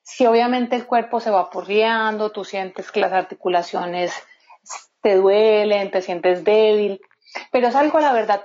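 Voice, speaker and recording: A woman's voice: mid-range voice, a little mellow. A woman guest in an interview, telling a personal story in an earnest, heartfelt way. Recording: slightly dull lo-fi sound.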